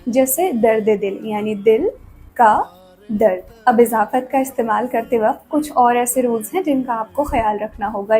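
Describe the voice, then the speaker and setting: A woman explaining words and grammar in a slow lesson reel. She gives clear, measured explanations, one word at a time. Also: on the high side, dark tone, poor audio. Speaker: language teacher.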